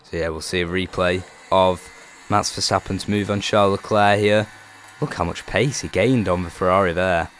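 A low-pitched man works as a motorsport commentator, calling a race alongside a partner. His delivery lifts with excitement as the action builds. There is faint noise on the recording.

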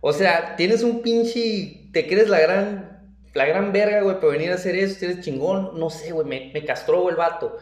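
Un hombre joven con acento mexicano cuenta una anécdota en plática informal, lleno de modismos y muletillas. Su voz es un poco aguda. La grabación suena en una sala con bastante eco. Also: male voice, high-pitched, normal speed. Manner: slangy, lively storytelling full of "güey" fillers. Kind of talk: casual chat. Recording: roomy echo.

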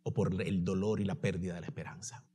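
A man preaching a sermon to his congregation, swinging from impassioned declarations to soft, tender passages. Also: low-pitched, fairly even intonation, fast, slightly rough.

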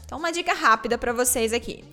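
A woman with a Minas Gerais Brazilian accent hosting a Portuguese lesson podcast, upbeat and repeating phrases slowly and clearly. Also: on the high side, pushed and bright, faint music behind. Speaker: Portuguese teacher and podcast host.

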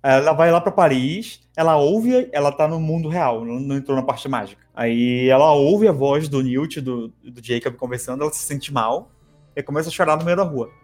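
A man's voice: on the high side, moderate pace, darkish tone, soft background music. A man, casually retelling a film plot as a podcast co-host and acting out the quotes in a rambling way. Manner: rambling storyteller who acts out quotes.

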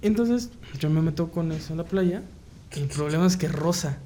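A young man with a Mexican accent, co-hosting a casual comedic chat with deadpan, self-mocking interjections. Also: on the high side, normal speed, a little hiss or hum. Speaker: co-host.

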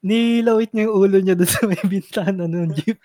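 A man's voice: sits high, moderate pace, warm tone, dry recording. Young man, casual co-host: chatty, chimes in, laughs easily. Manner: chatty, adds details and laughs along while recalling. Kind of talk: casual chat.

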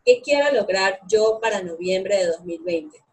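A woman's voice: medium pitch, unhurried, breathy edge. A young woman, chatting casually as an interview guest about learning English, with lots of fillers. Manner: chatty, animated, many fillers. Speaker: guest, English course co-founder.

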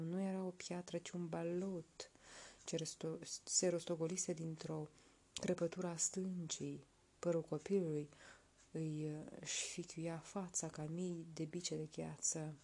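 A woman reading a folk tale aloud in a soft, slow, hushed narration. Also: low voice, husky. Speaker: storyteller.

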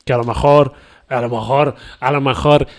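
A man's voice: mid-range voice, fairly even intonation, normal speed. Joking male podcast host, mock-serious. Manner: joking, riffs into absurd improvised stories, mock-serious. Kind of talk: casual chat.

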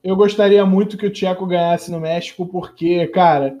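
High-pitched, mellow Brazilian man. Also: steady tone, moderate pace, lo-fi sound. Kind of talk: casual sports podcast chat.

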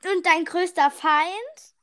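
A woman's voice: very high-pitched, takes it slowly, fairly bright tone. A woman in casual, playful chat, asking questions as a partner in a challenge.

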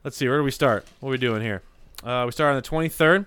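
A man's voice: mid-range voice, fast talker, clean tone, no echo. A male podcast host in casual chat, joking and reading off a list with running asides. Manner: jokey, reading off a list with asides and loud laughs.

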